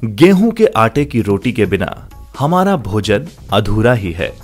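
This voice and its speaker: Lively formal male documentary narrator. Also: lowish voice, over music. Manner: measured, formal delivery. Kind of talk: scripted narration.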